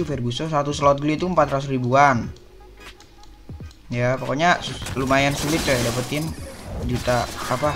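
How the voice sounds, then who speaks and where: Young guy, casual gaming commentary, slangy and chummy, mid-pitched, faint game music under him. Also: fairly bright tone. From Indonesia. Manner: slangy, chummy, addresses viewers as bos and coy. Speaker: gaming YouTuber. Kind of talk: casual gameplay tips commentary.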